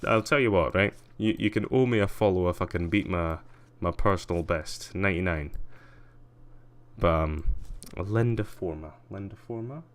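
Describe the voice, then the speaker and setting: Low-voiced man streaming a game. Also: normal speed, smooth. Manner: chatty, self-mocking, mutters while playing. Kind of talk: casual gameplay commentary.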